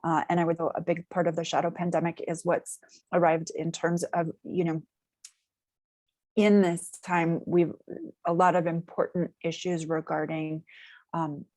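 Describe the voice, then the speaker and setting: A woman representing a community agency answers interview questions in measured, jargon-heavy phrases with many filler words. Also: fairly low pitch, little pitch movement, darkish tone, dry recording.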